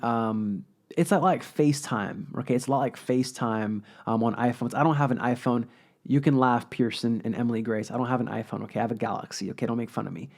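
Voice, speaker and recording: Youth pastor type, male, mid-pitched and a bit gravelly, chatty and playful, speaks straight to camera. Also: a little mellow. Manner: conversational, playful, asks the audience questions. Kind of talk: casual video sermon.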